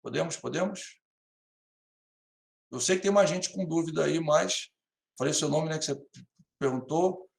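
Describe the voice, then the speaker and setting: A middle-aged Brazilian man gives a casual online class. His voice sits a little high with a gravelly edge, and it rings in an echoey room. He acts out short dialogues and keeps asking his students questions. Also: moderate pace, long pauses. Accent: Brazilian Portuguese. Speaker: university lecturer.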